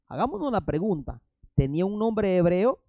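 A man's voice: sits high, big pitch swings, normal speed, dark tone, no echo, muffled recording. A man preaching a fiery sermon with a Salvadoran Spanish accent, firing rhetorical questions and breaking in with emphatic interjections.

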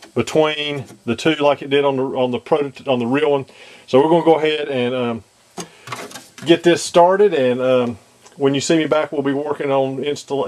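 A man talking through a model aircraft cockpit install at his workbench, off camera, pausing often with ums and restarts. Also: mid-range voice. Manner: hesitant, many ums and restarts. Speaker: model kit maker demonstrating installation. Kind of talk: casual how-to demonstration.

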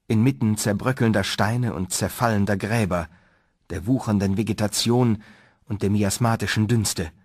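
A man's voice: on the low side, darkish tone, breathy edge, dry recording, studio quality. A man narrating a horror story in a dramatic, tense reading style. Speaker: audiobook narrator.

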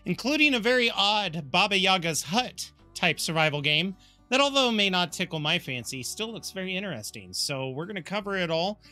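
A man co-hosting a podcast, chatting casually and previewing upcoming topics with relaxed enthusiasm. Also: high voice. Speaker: co-host. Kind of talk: casual show chat.

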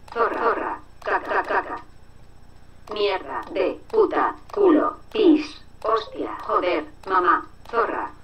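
A woman doing a cartoon kid blurting curses. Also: mid-range voice. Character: small kid blurting out swear words. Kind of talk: game dub acting. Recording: distant game audio with noise.

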